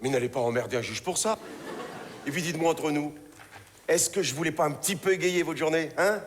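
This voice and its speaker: A man's voice: a little high, brisk, a little hiss or hum, lightly acted. An older man playing a mischievous old drifter father who proudly shoplifts, in a teasing, theatrical stage delivery. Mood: playful. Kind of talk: stage play acting. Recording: reverberant theater hall, faint ambience.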